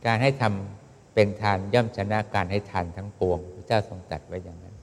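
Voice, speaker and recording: Calm low-voiced male preacher in a hall. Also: creaky. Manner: calm, measured, addresses listeners as "you". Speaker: Buddhist preacher. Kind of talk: Buddhist sermon. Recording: long hall reverb.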